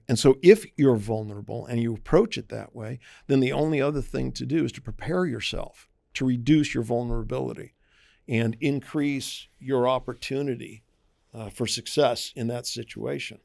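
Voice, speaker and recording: Gravelly man giving safety advice. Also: medium pitch, a little mellow, dry recording, studio quality. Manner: conversational, acts out quoted voices, emphatic warnings. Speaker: private investigator guest. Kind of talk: podcast interview.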